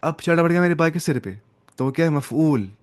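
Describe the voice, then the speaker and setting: A man's voice: a little high, lively intonation, fast. A young man teaching an Arabic grammar class to students, explaining each step, asking questions and mixing in English terms.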